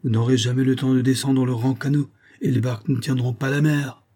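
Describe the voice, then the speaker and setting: A man voicing a sober middle-aged ship captain in a grave, measured way for a storybook reading. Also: mid-range voice, little pitch movement, dark tone, voice pushed up, close to an everyday voice.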